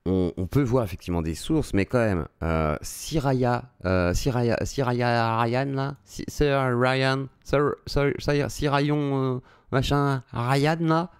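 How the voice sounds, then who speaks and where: A man's voice: medium pitch, takes it slowly, clear, resonant tone, no echo, studio quality. A man giving sarcastic reaction commentary, mocking and asking rhetorical questions. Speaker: youtuber commentator.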